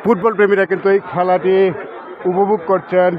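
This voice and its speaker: A Bangladeshi man reports live on a football match in a slightly high voice. He moves in halting chunks with frequent hesitations. The outdoor recording is a little dull, with a clearly audible crowd. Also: flat delivery. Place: outdoor school football field.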